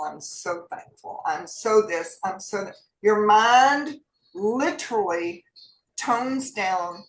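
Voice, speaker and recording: A woman's voice: fairly high pitch, fairly bright tone, roomy sound, rough recording. A woman, co-hosting and talking straight to her viewers in a chatty, folksy way. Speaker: co-host sharing wellness tips. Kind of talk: casual chat.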